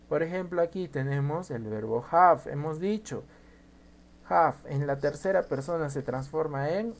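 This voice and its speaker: A man teaching an English grammar lesson, slowly spelling out and repeating each example. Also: mid-range voice, darkish tone, slight background noise.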